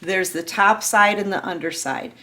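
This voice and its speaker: A woman's voice: medium pitch, moderate pace, pushed and bright. A woman in her fifties giving a tarot reading to her viewers, earnest and personal, often checking in with "okay?" and "right?". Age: 50s. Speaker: tarot reader. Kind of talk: casual spiritual reading to camera.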